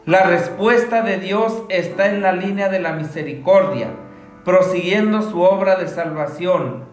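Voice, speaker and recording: A man speaking as a priest, giving a solemn scripture reading and homily in a measured, formal way. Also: high voice. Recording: echoey room, soft guitar music behind.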